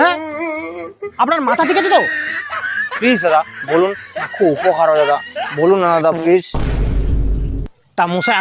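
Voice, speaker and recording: Pleading young man, high lively voice. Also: noisy background. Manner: pleading and whiny, then grumbling. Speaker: comic sketch performer. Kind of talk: sketch comedy, playing several parts.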